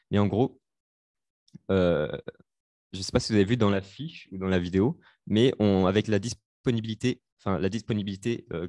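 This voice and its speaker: Young male student tutor, lowish voice, dry close computer mic, halting delivery full of fillers, live online revision. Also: darkish tone, dry recording. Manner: hesitant, many fillers, explains step by step.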